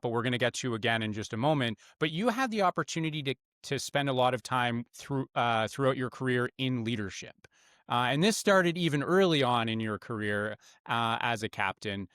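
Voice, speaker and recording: A man's voice: medium pitch, lively intonation, a little fast, fairly bright tone, no room sound, studio quality. A man hosting an interview, asking long, rambling questions full of restarts and fillers. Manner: rambling, many uhs and restarts. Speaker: podcast host.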